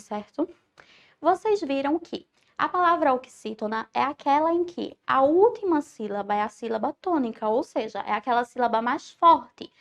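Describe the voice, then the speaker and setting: High-voiced Brazilian woman teaching a lesson. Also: gravelly, fairly bright tone. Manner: explanatory, often checks in with "certo?"; stresses syllables slowly when spelling out words. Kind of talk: recorded online school lesson.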